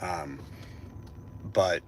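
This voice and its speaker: Speaking extremely slowly, a man in his twenties streams live while driving around a city, rambling in animated, casual chat and using "bro" a lot. A slight hiss or hum is audible.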